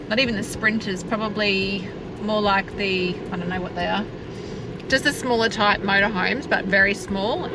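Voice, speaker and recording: A woman's voice: medium pitch, background noise. An Australian woman chatting informally as she narrates a travel vlog. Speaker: travel vlogger. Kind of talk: casual vlog chat.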